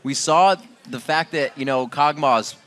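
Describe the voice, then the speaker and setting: Male esports caster, bright tone, excitable wrap-up commentary over faint music. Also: mid-range voice, unhurried. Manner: excitable, laughs often, loud bursts.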